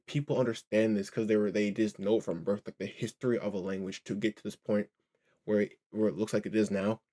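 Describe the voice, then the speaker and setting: A man's voice: fairly low pitch, a little mellow. A man giving a casual, rambling reaction commentary, full of slang and filler. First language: English. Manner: rambling, slangy, says bro a lot. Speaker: reaction video host.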